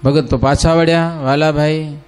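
A man telling a devotional story in a folksy, animated way, often turning to listeners and breaking into sung verse. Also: a little high, moderate pace, clear, resonant tone. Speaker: religious storyteller.

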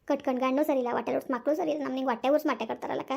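A woman puts on a steady village woman who talks her grieving neighbor down. She speaks firmly and quickly, giving plain advice. It sounds like a homemade village drama. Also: high-pitched, voice pushed down, close to an everyday voice. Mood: consoling. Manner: firm, consoling, advising.

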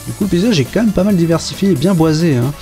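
A man's voice: fairly high pitch, expressive, fast talker, warm tone, faint music behind. A man casually commenting on a game as he plays, chatty and hesitant, with many fillers and joking asides. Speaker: game video presenter.

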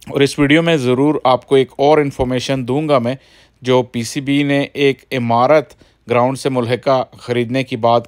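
Man narrating a casual vlog. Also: mid-range voice. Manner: conversational, explanatory, frequent filler phrases. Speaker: cricket vlogger.

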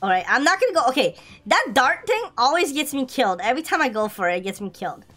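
A woman streaming a horror game, playfully scared and excitable, slangy, repeating her phrases as she comments on the play. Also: high-pitched, fast, faint music behind. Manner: scared horror game streamer, shrieking and pleading in mock fright.

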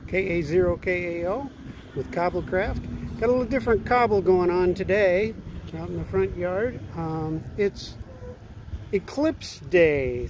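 A ham radio hobbyist vlogger explains his radio hobby in a casual, folksy chat to camera from a residential front yard, holding his phone at arm's length. His voice sits high and is a little mellow, and the low-quality recording picks up outdoor background noise.

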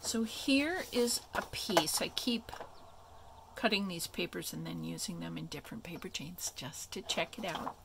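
A woman hosting a craft tutorial, explaining each step in a relaxed, chatty way with many ums and asides. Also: lowish voice, unhurried, creaky, background noise. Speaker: craft video host.

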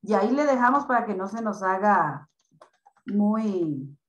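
Slow, patient woman teacher in echoey room. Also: medium pitch, expressive. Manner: slow, patient, drawn-out explanations to children. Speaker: primary school teacher. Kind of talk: online class for children.

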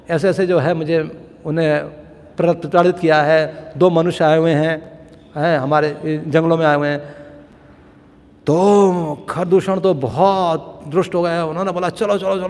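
A man giving a devotional scripture class, telling the story in a lively way and chuckling as he goes. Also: a little high, in a large hall. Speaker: lecturer on scripture.

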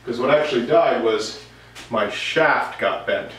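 Speaking to camera from an indoor home workshop, this woodworking vlog host, a man in his thirties, rambles through a casual, conversational update. His mid-range voice is unhurried and a bit bright. The audio is noisy, roomy, and distant.

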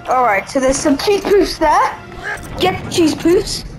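A young woman doing excitable, playful let's-play commentary, taunting the enemies she fights. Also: sits high, unhurried, low-quality recording. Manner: excitable, playful trash-talk at game enemies. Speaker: gaming YouTuber. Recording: game music playing behind. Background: game music.

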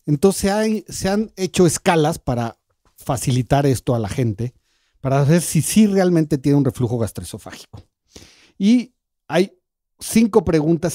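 A man, a gastroenterologist guest calmly explaining symptoms on a radio talk show. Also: a little high, no room sound, clean studio sound. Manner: calm, explanatory, walks through a quiz step by step. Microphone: studio microphone.

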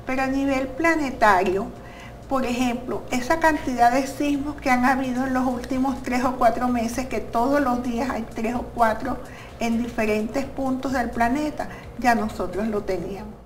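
A woman's voice: a little high, moderate pace, a little hiss or hum, rough recording. A woman in her sixties from Venezuela with a Venezuelan accent, answering earnestly as a guest in a studio interview on a lapel mic. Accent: Venezuelan Spanish. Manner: earnest, explanatory, starts with "a ver". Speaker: interview guest, spiritual channeler. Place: TV studio with green backdrop.

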